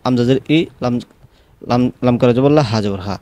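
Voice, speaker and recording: A man teaching how to pronounce the call to prayer, spelling it out letter by letter and then chanting it in long, drawn-out melodic phrases. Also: mid-range voice, mellow, dry recording. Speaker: azan pronunciation teacher. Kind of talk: recitation lesson.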